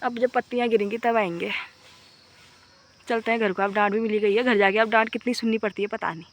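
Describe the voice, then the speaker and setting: A young woman from the Uttarakhand hills vlogging casually with a phone while she works outdoors in the forest and fields. She talks loudly and laughs a lot. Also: a little high, fairly even intonation, fast. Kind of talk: casual vlog narration.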